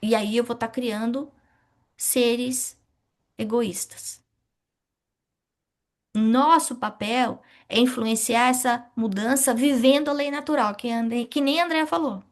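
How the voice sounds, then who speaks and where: A middle-aged woman teaching a spiritist study class, asking questions and answering them herself in a lively way. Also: a little high, takes it slowly.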